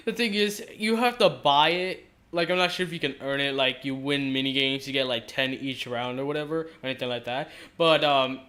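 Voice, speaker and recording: A man's voice: fairly high pitch, pushed and bright. A man giving casual, rambling game commentary, hesitant and self-correcting, his speech slightly off from stitches in his mouth after dental surgery.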